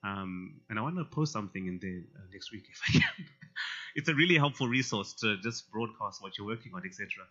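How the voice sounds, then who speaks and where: A man emceeing a student pitch competition in a casual way, with many fillers between announcements. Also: lively intonation, a little fast, sharp tone. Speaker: event emcee. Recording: slightly muffled event audio.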